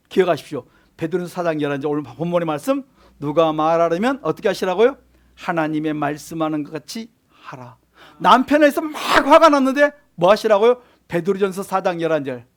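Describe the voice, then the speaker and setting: Man, pastor, church sermon, high voice, call-and-response questions. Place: church sanctuary.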